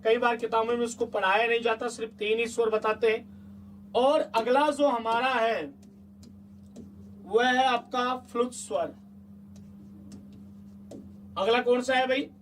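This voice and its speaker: High-voiced man teaching a coaxing lesson. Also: far from the mic, slight background noise. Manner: chatty, coaxing, asks the class repeated check questions. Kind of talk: exam-prep lesson.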